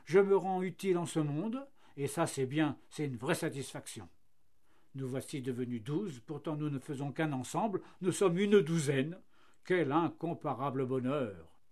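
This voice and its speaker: A man's voice: on the high side, moderate pace, a little mellow, lightly acted. A man voicing a cheerful, self-satisfied flax plant that becomes linen and then paper, marvelling at its fortune. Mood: delighted.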